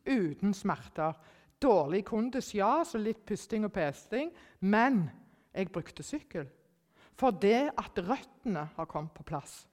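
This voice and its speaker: A middle-aged woman giving a personal testimony to an audience, telling it in a lively way, acting out her own thoughts and sometimes dropping almost to a whisper. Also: mid-range voice. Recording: long hall reverb.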